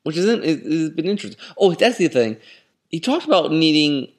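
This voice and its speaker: A man co-hosting a podcast, chatting casually and haltingly as he thinks aloud, recorded in an echoey room. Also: fairly high pitch, big pitch swings. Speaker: podcast co-host. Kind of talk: casual TV discussion chat.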